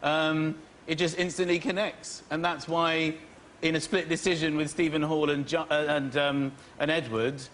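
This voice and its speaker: A man's voice: fairly high pitch, flat delivery, moderate pace. A British man in his thirties, a talent show judge, chatting on live TV in a rambling, flustered way with restarts. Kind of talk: live TV panel banter. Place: TV studio with live audience. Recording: loud audience and studio noise.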